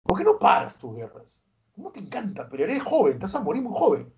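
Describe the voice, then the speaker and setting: A man voicing a calm, measured medieval king who reasons with and mildly scolds a younger man. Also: high voice, muffled recording, pitched above the performer's own voice. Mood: scolding.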